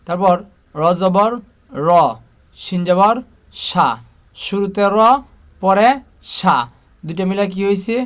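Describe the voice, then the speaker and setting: Guy teaching quran reading, high-ish voice, spells out arabic letters slow and patient. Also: fairly even intonation, clear, resonant tone. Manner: slow, patient drilling, asking and answering his own questions. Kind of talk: spelling Arabic letters aloud with vowel marks.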